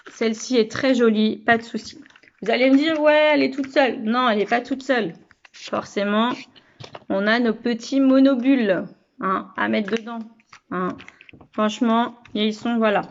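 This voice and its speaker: A woman's voice: fairly high pitch, vocal fry. A woman presenting makeup products in a casual, enthusiastic chat to camera, with many fillers and restarts. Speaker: makeup reseller presenting a beauty kit. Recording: dull lo-fi sound with faint noise.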